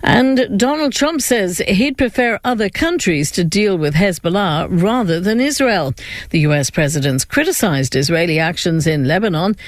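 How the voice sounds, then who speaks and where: Man, Irish accent, newsreader, high pitch, dry studio sound, scripted delivery. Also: lively intonation, moderate pace, dry recording. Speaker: radio newsreader. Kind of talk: scripted news bulletin.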